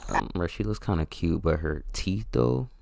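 A man's voice: deep voice, lively intonation, normal speed, gravelly, darkish tone, a little hiss or hum. A man reacting to a video for a stream, talking crude, mocking and slangy. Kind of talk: casual reaction commentary.

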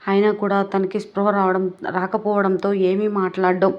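A woman's voice: medium pitch, flat delivery, moderate pace, muffled recording. A woman retelling a TV serial episode as a narrator in continuous storytelling. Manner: continuous storytelling, evenly paced.

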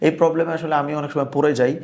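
A young man from Bangladesh coaches his viewers in a casual, conversational way. He talks quickly with a slightly raised pitch. He mixes English words freely into his speech. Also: level tone, vocal fry, a little mellow. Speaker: business and productivity coach. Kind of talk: casual advice talk to camera.

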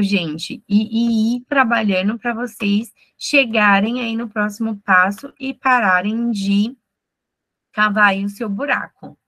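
A woman, teaching a finance class on a video call in a frank, energetic way, firing off questions. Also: medium pitch, no room sound. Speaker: finance trainer. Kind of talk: online group class.

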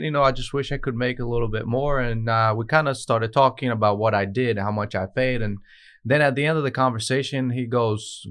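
A Brazilian man in his thirties, speaking with a Brazilian Portuguese accent, is a guest on a studio interview, recounting his story as a dispatch manager. His voice is medium-pitched, fairly bright and clean, and his earnest delivery is full of "uh" and "um" pauses. He speaks into a desk podcast mic on a stand in a podcast studio with a branded backdrop.

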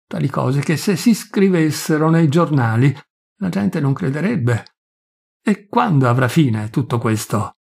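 A tormented young village priest pours out his shame in pleading, self-accusing confessions, as a man reads him aloud. The voice is gravelly and husky. It suits a spoken-word story reading. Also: on the high side, expressive, unhurried, a little mellow, full character voice. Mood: anguished. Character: poor young village priest, ashamed and anguished.

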